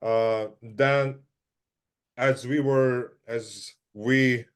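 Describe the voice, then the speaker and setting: Slow, halting man from Croatia. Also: medium pitch, fairly even intonation, smooth. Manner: halting, with many restarts and repeated words. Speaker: guest entrepreneur. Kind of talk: casual interview talk.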